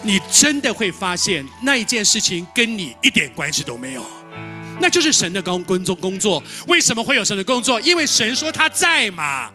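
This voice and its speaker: Fast, bright-voiced male preacher. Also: sits high, faint music behind. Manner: lively storyteller, repeats words and acts out dialogue. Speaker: pastor. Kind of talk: storytelling sermon.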